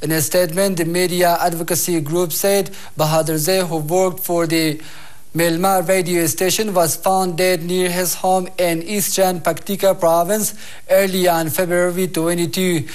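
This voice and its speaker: A man's voice: sits high, flat delivery, moderate pace. A young man with an Afghan accent reading scripted news as an anchor, on a lapel mic in a TV studio. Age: young adult.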